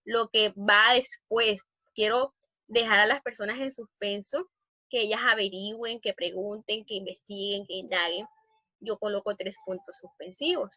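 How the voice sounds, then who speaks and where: A woman teaching a grammar lesson in an emphatic way, often pausing on fillers and restarting phrases. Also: medium pitch, fairly even intonation, pushed and bright, dry recording, lo-fi sound.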